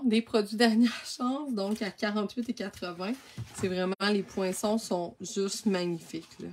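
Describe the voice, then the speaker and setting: A woman with a Québécois French accent giving a casual, chatty rundown of craft products, often restarting her sentences and laughing at her own slips. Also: mid-range voice. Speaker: craft supply consultant.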